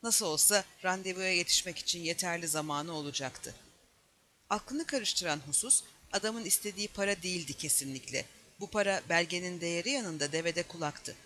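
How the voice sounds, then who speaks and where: A man with a high, bright voice reads a novel aloud as an audiobook. His narration is steady and measured, and he gives the dialogue only a light touch of character. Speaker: audiobook reader.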